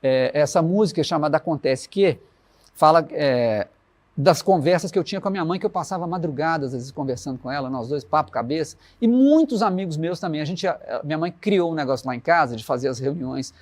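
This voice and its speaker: A Brazilian man, a musician reflecting in an interview and slowly reciting lyrics as he tells stories. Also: on the high side, animated. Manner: warm storytelling, recites his lyrics slowly. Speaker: musician guest.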